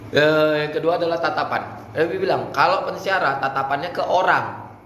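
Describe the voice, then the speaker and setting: A man's voice: a little high, normal speed. A man coaching students for an Islamic speech contest in a casual manner, now and then chanting Arabic phrases to demonstrate. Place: indoor room at an Islamic boarding school. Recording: echoey room, faint background noise.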